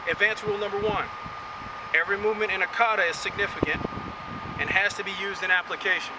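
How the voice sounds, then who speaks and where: A man whose voice sits high teaches an outdoor martial arts class in English, his first language, chatting away and punctuating points with "right?". Recorded at a distance, the windy audio also catches passing traffic.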